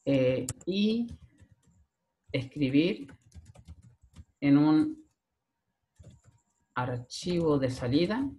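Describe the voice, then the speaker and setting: A man's voice: a little high, lively intonation, very slow, long pauses, dark tone, lo-fi sound. A male programming lecturer with a Chilean accent, explaining step by step and checking in with a frequent "¿ya?". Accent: Chilean Spanish. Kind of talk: recorded screen-share class.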